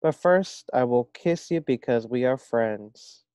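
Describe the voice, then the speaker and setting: A man's voice: mid-range voice, expressive, takes it slowly, darkish tone, clean tone, no room sound. A man reading a picture book aloud, voicing an eager, insistent little girl who wants to kiss a frog. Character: bold little girl wanting a prince.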